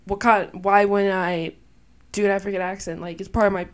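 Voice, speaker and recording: Woman, podcast co-host, casual chat, stumbles over names, laughs a lot, mid pitch. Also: flat delivery, a little fast.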